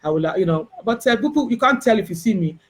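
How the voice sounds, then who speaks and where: A woman with a Nigerian Yoruba accent telling a personal spiritual testimony in an emotional, halting way, full of restarts and fillers. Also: mid-range voice, animated, breathy edge. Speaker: spiritual herbalist.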